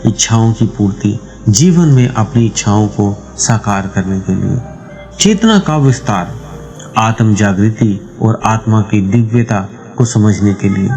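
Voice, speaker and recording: A man with a lowish voice explains a meditation practice step by step, calm and measured. Faint music plays quietly under his voice. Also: rough recording. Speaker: meditation channel host.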